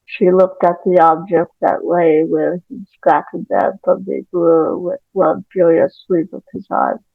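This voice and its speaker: A woman's voice: fairly low pitch, slow, creaky, no room sound. A woman reading an audiobook aloud as an amateur narrator, careful, with occasional stumbles over words. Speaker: audiobook reader. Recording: tinny phone-like home recording.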